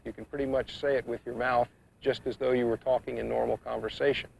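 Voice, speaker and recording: Gravelly-voiced man giving step-by-step instruction. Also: mid-range voice, level tone, darkish tone, slight background noise. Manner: measured, explanatory step-by-step delivery. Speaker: duck calling instructor. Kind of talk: instructional demonstration talk. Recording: muffled, dull 1990s instructional video sound.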